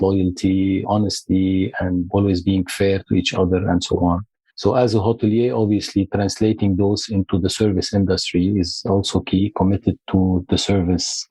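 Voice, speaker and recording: Lebanese guy on a podcast, low husky voice, slow storytelling, dry sound. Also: dark tone, no room sound, low-quality recording. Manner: measured, storytelling, occasional restarts. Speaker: guest, consulting firm founder. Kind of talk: podcast interview.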